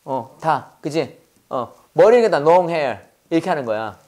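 A man gives an English classroom lecture, running repeat-after-me drills, asking questions and answering them himself while repeating phrases. His voice is fairly high and darkish, with lively intonation at a moderate pace.

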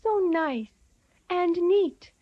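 A woman narrating a children's letter lesson in a slow, playful, sing-song way. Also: very high voice, lively intonation. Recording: dull lo-fi track with faint music.

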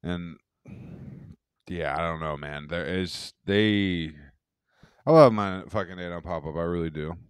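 A man's voice: low voice, a little slow, pauses often, clean tone, no room sound. A young man co-hosting a podcast in casual, rambling chat, swearing and restarting often. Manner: rambling, loose and profane, many restarts. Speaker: podcast co-host.

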